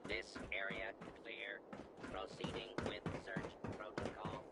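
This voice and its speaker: A man voicing a stern male security robot on patrol, giving clipped, flat, formal commands. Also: lowish voice, takes it slowly, creaky. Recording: loud background noise.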